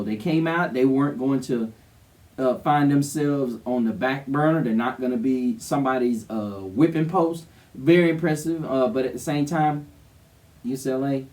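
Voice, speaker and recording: A man's voice: mid-range voice, darkish tone, distant mic. A man co-hosting a sports show, giving casual, emphatic, opinionated commentary. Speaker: co-host of a college football show.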